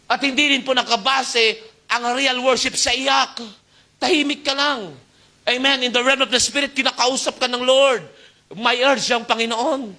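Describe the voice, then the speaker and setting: A man preaching to a youth service, exhorting and calling for amens, his delivery swinging between loud and soft. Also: extremely high pitch, fairly even intonation, normal speed. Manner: exhorting, calls for amen, shifting loud and soft. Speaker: youth pastor. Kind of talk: Taglish sermon.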